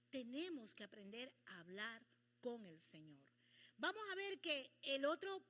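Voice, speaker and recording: A middle-aged woman pastor leading a Bible study, animated and acting out prayers and bits of dialogue. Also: high voice.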